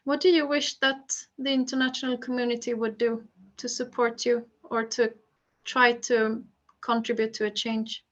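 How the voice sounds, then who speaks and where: Female panel moderator, on the higher side, tentative phrasing, a little lo-fi in sound. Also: little pitch movement, normal speed, fairly bright tone. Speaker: interviewer, moderator. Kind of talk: panel interview questioning.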